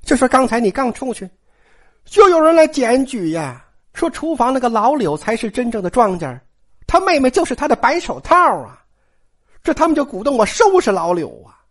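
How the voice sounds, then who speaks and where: A storyteller voicing a shrewd, sharp-tongued noble lady who drawls and complains. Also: sits high, sing-song, normal speed, exaggerated voice. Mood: complaining.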